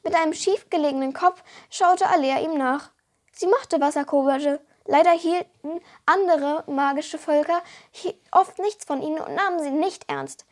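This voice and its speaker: Female audiobook reader, high voice, lively storytelling delivery. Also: moderate pace. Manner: lively storytelling, voicing the characters. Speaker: reader of a book excerpt. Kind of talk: audiobook reading.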